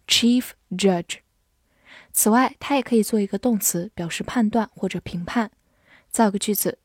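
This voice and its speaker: A woman teaching English vocabulary, spelling each word out and reading example sentences slowly. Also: medium pitch, breathy edge, no room sound, clean studio sound. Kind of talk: vocabulary lesson.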